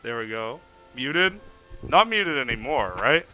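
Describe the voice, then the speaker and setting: A man's voice: medium pitch, very animated, unhurried, pushed and bright, soft background music, low-quality recording. A young man streaming a casual chat from his home through a lapel mic, his voice coming through crunchy and bitcrushed. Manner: laughs often, rambling. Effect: crunchy, bitcrushed mic audio. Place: home kitchen, indoors.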